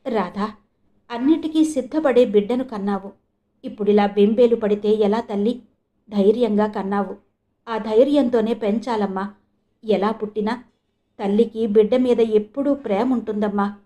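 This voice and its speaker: A woman's voice: mid-range voice, moderate pace, long pauses, warm tone, lightly acted. A woman voicing a kindly older woman who comforts a young mother. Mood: soothing. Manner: soothing, pitying.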